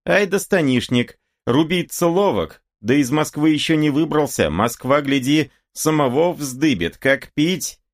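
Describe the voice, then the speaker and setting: A man's voice: on the high side, lively intonation, a little slow, hardly any pauses, voice pushed up. A man doing a cocky taunting young nobleman. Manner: swaggering, taunting. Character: cocky young nobleman swordsman, mocking and boastful.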